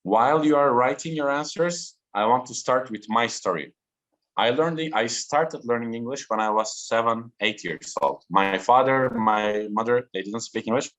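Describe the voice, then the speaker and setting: A man in his thirties from Turkey, a native Turkish speaker giving an online talk to students slowly and deliberately over a video call. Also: medium pitch, fairly bright tone. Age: 30s. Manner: slow, deliberate and interactive.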